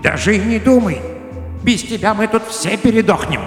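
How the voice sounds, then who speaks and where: A man voicing a raspy, scheming female spirit of trouble in a radio story reading. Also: a little slow. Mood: urgent. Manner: raspy, high and lively. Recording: echoey room with faint music.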